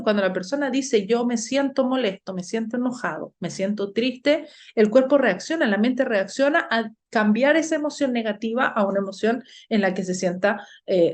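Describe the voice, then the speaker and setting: A woman's voice: fairly high pitch, a little mellow. A middle-aged woman gives an explanatory lecture on parenting as an educator, often checking in with tag questions. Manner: frequent tag questions "¿no es cierto?". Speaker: educator giving a parenting talk.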